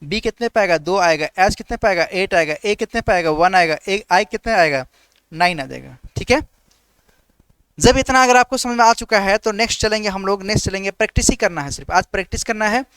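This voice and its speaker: A man teaching an exam-prep reasoning class online, firing quick questions about letter positions and answering them himself in a steady call-and-response drill. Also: sits high, smooth, no room sound. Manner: repeats "ठीक है" as a filler. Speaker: reasoning teacher for government exams.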